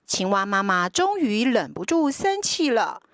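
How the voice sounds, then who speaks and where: High, unhurried female storyteller, expressive child-directed read-aloud for toddlers. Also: no echo. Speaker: picture-book reader, podcast host. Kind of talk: animated storybook reading to young children.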